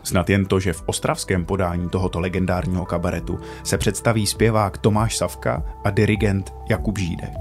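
A man presenting a culture news report as measured, formal scripted narration. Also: low voice, level tone, soft background music.

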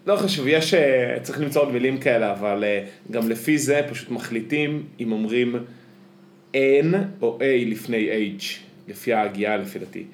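A man's voice: medium pitch, hardly any pauses. A man with an Israeli accent, chatting casually as a podcast co-host. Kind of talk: casual chat. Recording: roomy, echoey sound.

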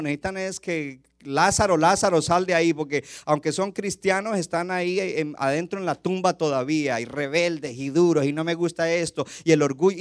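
A man preaching a sermon as pastor, with passion, swinging between loud pleas and hushed, intimate words. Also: a little high, no echo, studio quality.

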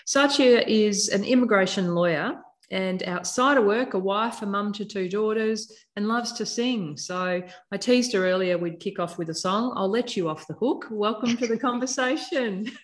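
A woman's voice: mid-range voice, normal speed. A woman hosting a podcast interview, friendly and playfully teasing her guest. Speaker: podcast host.

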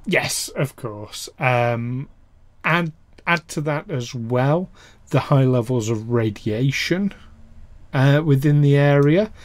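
A man talks very slowly and hesitantly in a casual podcast, with many ums and restarts. His voice is recorded dry, with no room sound. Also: medium pitch, no room sound.

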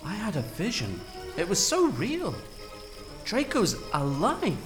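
A brooding young vampire wizard, as a man acts him out, hurrying through his explanations. His voice sits a little high and moves lively. Faint music plays behind. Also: slow, heavily acted. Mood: dreamy.

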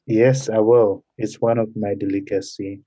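A young man with a Ghanaian accent, a guest in a podcast interview, speaking in a measured way with frequent pauses and fillers. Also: on the low side, little pitch movement, dark tone, highs cut off. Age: young adult.

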